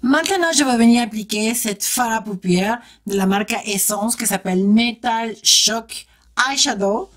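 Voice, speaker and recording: In a casual makeup tutorial, a woman vlogger keeps up a chatty commentary aimed right at her viewers, full of enthusiastic exclamations as she works. She speaks at a moderate pace in a fairly high pitch.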